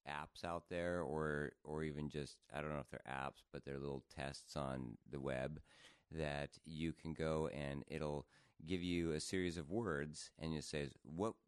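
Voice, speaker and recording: A man's voice: rumbling low, steady tone, measured pace, clear, resonant tone, dry recording, clean studio sound. A man from northern Idaho, a little nasal, who enunciates carefully in casual chat. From northern Idaho, USA. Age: adult, married.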